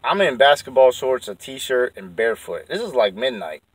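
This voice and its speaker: A man's voice: mid-range voice, sing-song, moderate pace, breathy edge, no room sound, far from the mic, rough recording. Profane rambling man telling a story. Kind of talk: casual storytelling.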